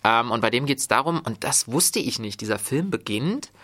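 A man's voice: medium pitch, animated, normal speed, pushed and bright. A man casually recapping films he has watched, rambling with many fillers and restarts. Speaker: film reviewer. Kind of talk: casual podcast film talk.

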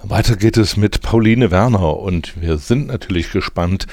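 A male radio show host interviewing an author in a calm, measured way. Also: sits low, loud music behind the voice. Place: radio studio.

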